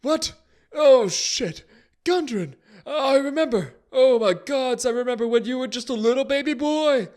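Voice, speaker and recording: A crazed ancient wizard rambles in a piercingly high, cracking register far above any ordinary speaking voice. He trails off mid-thought, circles back, and bristles at any slight. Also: unhurried, darkish tone. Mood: shrill rambling. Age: older. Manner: scatterbrained, indignant, rambling with trailing restarts. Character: mad, rambling ancient human wizard man.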